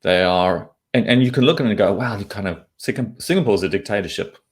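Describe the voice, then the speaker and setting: Speaking quickly in a fairly low voice, this southern African investment commentator gives his views as an interview guest, plain-spoken and informal, with casual swearing.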